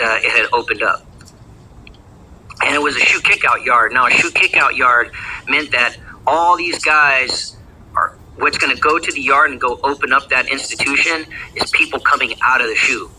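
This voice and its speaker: A man's voice: medium pitch, sharp tone, slight background noise, rough recording. A man telling his own story in a casual, rambling way, heavy on slang and swearing. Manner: profane, slangy, rambling with fillers. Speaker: former gang member telling his story.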